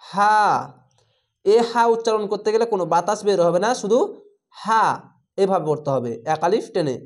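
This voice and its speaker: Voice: mid-range voice, lively intonation, mellow. Patient teacher drilling Arabic letter sounds. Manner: slow, repeats each letter sound and drills drawn-out vowels; patient step-by-step explaining. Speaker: Quran reading teacher. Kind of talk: online Quran reading lesson.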